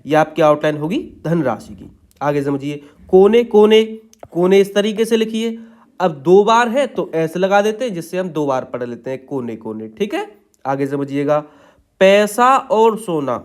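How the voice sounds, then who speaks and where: A man teaching shorthand in a patient step-by-step tutorial, checking in after each point. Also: sits high.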